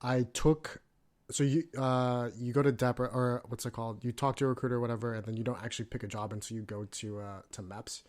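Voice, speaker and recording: Casual thirties guy from california, swears a lot, says like constantly, mid-pitched voice. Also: steady tone, fast, darkish tone. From California, USA. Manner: loose and profane, lots of "like" fillers. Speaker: guest, Navy veteran. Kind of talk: casual podcast interview.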